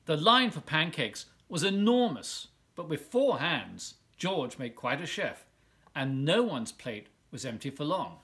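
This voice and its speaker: Reading a children's picture book aloud, a volunteer storyteller stretches out words and uses dramatic pauses for expressive effect. He has a fairly high, very animated voice with a sharp tone.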